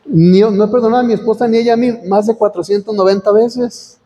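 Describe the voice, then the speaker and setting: A man's voice: high voice, steady tone, a little fast, dark tone. A man preaching a sermon as pastor, reading scripture aloud and asking the congregation questions. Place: church hall. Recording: long church hall reverb.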